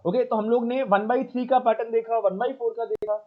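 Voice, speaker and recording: A man's voice: very high voice, little pitch movement, normal speed. Man teaching math over a dull call. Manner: mixes Hindi and English, checks in with students often. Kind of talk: online class lesson.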